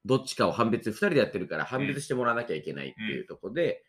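A hungover man in his thirties talks quickly through a hoarse throat. He jokes at his own expense in loose podcast banter, his pitch moving around a lot. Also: sing-song, fairly bright tone. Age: 30s. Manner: self-deprecating, joking. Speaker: co-host of a two-man radio-style podcast. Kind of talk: casual comedic chat.

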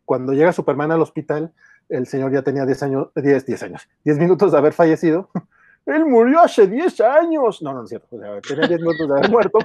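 Mexican man, fairly high mellow voice, loose rambling podcast storytelling, dry close recording. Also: quick pace, dry recording. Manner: rambling, many restarts and fillers, chuckles. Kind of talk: casual chat retelling a comic.

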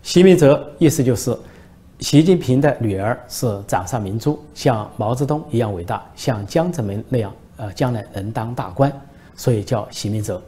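A man voicing a calm, bold young woman who answers questions with composed, matter-of-fact retorts. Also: mid-range voice, normal speed, close to an everyday voice. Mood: calm, deadpan.

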